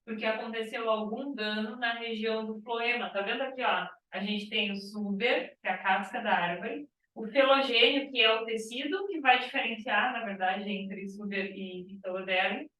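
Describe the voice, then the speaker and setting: A woman's voice: on the high side, steady tone, moderate pace, hardly any pauses, sharp tone. Teacher woman in an echoey classroom. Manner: explains step by step with frequent "tá?" and "ó". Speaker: biology teacher. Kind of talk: classroom lecture. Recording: echoey classroom, far from mic.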